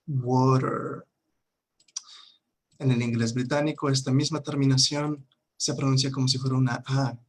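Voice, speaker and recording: Man, online language tutor, slow and patient, mid pitch, faint keyboard clicks. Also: a little hiss or hum. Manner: slow, patient, repeats words for drill, frequent "ujú". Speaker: English teacher.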